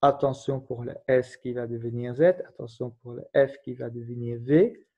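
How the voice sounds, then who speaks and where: A man's voice: mid-range voice, fairly even intonation, normal speed. A man giving a recorded grammar lesson, patiently explaining rules and spelling out letters one at a time. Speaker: teacher. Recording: dull lo-fi recording.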